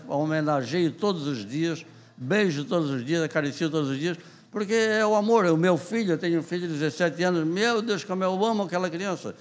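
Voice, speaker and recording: An older man in his eighties with a Southern Brazilian accent spins long, rambling stories, restarting his sentences as he goes. His voice sits a bit high for a man. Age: 80s. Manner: rambling, animated storytelling with many restarts. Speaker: guest writer. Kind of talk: storytelling interview.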